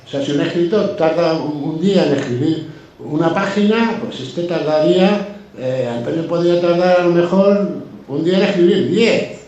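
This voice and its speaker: This guest's voice is a little high and a little mellow, moving at a moderate pace, and the sound is lo-fi. With an accent from Spain, he recounts anecdotes in a casual, effusive, colloquial way that includes swearing. The room is very echoey, the mic distant and there's faint noise.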